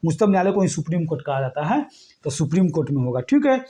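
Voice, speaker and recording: Brief: male exam-prep teacher, high voice, keeps asking the class "right?". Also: big pitch swings, fast, warm tone. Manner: repetitive, keeps checking "ठीक है?" with listeners.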